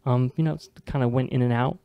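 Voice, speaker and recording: A young man talks fast, with a gravelly, mellow voice, as host of a casual podcast. His chat is loose and friendly, full of filler words. The sound is dry and close. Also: mid-range voice, fairly even intonation, dry recording, highs cut off. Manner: fast, chatty, loose with many likes and dudes.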